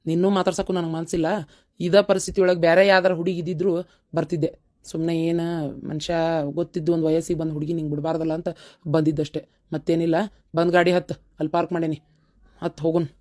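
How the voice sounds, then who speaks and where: A woman's voice: deep voice, little pitch movement, quick pace, long pauses, darkish tone, lightly acted. A woman voicing a stern, scornful elder brother in a cartoon, speaking with a North Karnataka accent and lecturing curtly. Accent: North Karnataka Kannada. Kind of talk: cartoon voice acting.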